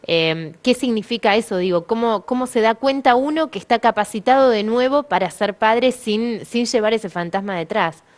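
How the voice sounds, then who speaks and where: A woman's voice: a little high, lively intonation, normal speed, few pauses. A woman with an Argentine accent hosting a panel interview, asking conversational questions that she rephrases as she goes, seeking agreement. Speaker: TV panel host.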